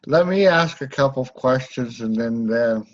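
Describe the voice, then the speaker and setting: A man's voice: mid-range voice, lively intonation, normal speed, highs cut off. A man hosting an online club meeting, who asks brief, direct questions. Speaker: meeting host.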